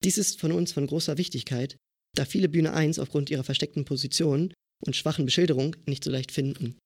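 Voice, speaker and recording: A man's voice: on the high side, fairly even intonation, brisk, slightly rough, dry recording, studio quality. A man in his twenties from a student cinema, reading out a formal, critical statement. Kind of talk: read-out statement.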